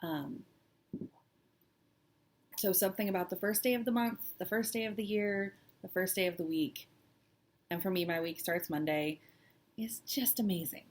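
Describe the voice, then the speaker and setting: A woman vlogger chatting casually and personally, halting and hesitant with long pauses, sounding shaky and close to tears. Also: fairly low pitch, steady tone. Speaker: cross-stitch vlog host. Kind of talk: casual personal chat to camera.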